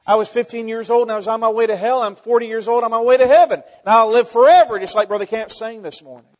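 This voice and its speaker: Fast and very high-voiced, a pastor in his forties addresses his congregation with a fervent sermon full of rhetorical questions and folksy asides. The audio from the church sanctuary is dull, with the hall's reverberation noticeable.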